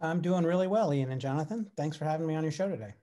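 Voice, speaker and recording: A man's voice: on the high side, racing, dark tone. A man who runs a company, a guest on a business podcast, answering with wry humor. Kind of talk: casual interview chat.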